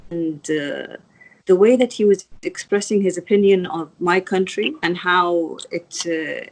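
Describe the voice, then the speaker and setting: Emirati woman guest, earnest and halting, often restarting. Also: medium pitch, darkish tone, slight background noise, poor audio. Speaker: interview guest. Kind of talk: video interview.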